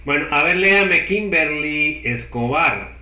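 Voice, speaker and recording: Slow-paced and sharp in tone, with lively intonation and a slightly high voice, a man from Guatemala teaches university chemistry. He takes the class through every step while checking they keep up, recorded in an echoey room.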